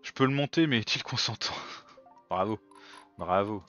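A man hosting a let's-play video, chatting casually as he plays and thinking out loud with plenty of fillers. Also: lowish voice, moderate pace, dull audio, soft background music. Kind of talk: casual gameplay commentary.

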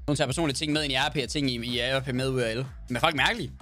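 Bright-voiced man chatting to his stream. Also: mid-range voice, fairly even intonation, soft background music. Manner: rambling, swears, talks to chat. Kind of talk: casual live-stream chat.

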